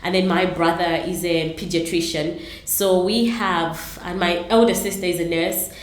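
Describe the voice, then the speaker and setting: A woman's voice: fairly low pitch, steady tone, normal speed, roomy sound. A middle-aged woman from Zambia, answering interview questions earnestly, with many ums and restarts. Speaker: interview guest, entrepreneur.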